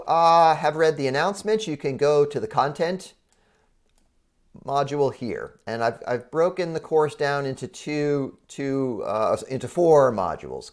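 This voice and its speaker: A man with a congested, frog-in-the-throat voice, under the weather, explaining an online course as a college professor in an informal, halting way. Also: medium pitch. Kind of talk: explanatory screen-share walkthrough for online students.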